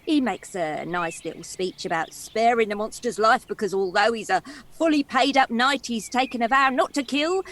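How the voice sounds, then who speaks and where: A woman's voice: on the high side, moderate pace, hardly any pauses, fairly bright tone, close to an everyday voice. A woman playing a theatrical, chatty princess who tells her story dramatically and fondly in a stage comedy. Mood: dramatic, wry. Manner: dramatic, giggly, wistful storyteller. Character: theatrical, chatty princess, fond companion of a dragon.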